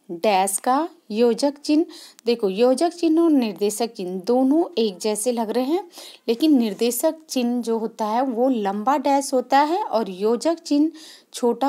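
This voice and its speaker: A woman's voice: on the high side, dark tone. A woman teacher giving a grammar lesson, explaining step by step and repeating the key points. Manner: explains step by step, repeats key points, asks and answers her own questions.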